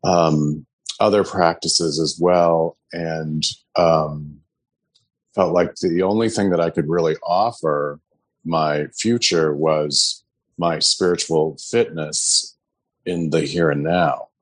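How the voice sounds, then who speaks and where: With a rumbling low voice, a man from a sangha offers his testimony to his meditation group, sounding earnest and hesitant and leaning heavily on fillers. He talks at a slow pace with fairly even intonation, and there is no room sound.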